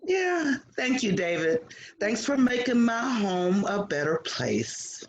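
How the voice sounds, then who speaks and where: An actor playing a gentle, tender nursing-home director. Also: mid-range voice, big pitch swings, slow, roomy sound, rough recording. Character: caring nursing-home director Doctor Klein.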